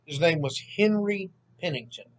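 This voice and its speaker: A man in his thirties with a Mississippi Southern accent talks casually from home for his history channel, seated and at ease. His voice runs fairly high at a moderate pace, and his rambling chatter comes with plenty of self-deprecation.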